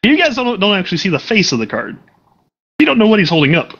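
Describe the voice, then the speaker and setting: A man narrating as game master for a tabletop role-playing game, animated and often laughing as he switches into character voices. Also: high-pitched, quick pace, gravelly, highs cut off.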